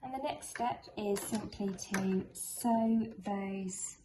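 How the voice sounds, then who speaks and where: A woman with a mid-range, steady voice talks slowly and informally through a sewing tutorial, chatty and encouraging. She's indoors in a room at home, where the echoey space picks up clear drilling and other work noise from builders.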